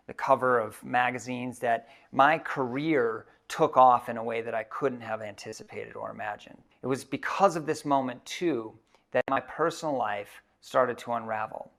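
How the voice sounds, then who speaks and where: A keynote speaker in his thirties shares a reflective personal story, halting often with fillers. His voice is medium-pitched, creaky and fairly bright.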